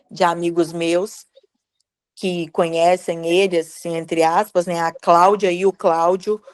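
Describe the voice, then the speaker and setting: A woman's voice: medium pitch, no echo. A woman from Brazil, telling her own story as an interview guest, talking conversationally and repeating lines as she recalls what was said. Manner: conversational, repeating phrases and reported dialogue.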